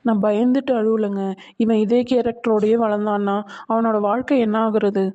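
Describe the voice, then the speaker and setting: A woman's voice: mid-range voice, little pitch movement, moderate pace, dark tone, highs cut off, close to an everyday voice. A woman voicing a cartoon mother who scolds her son sharply. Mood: upset. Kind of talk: cartoon voice acting.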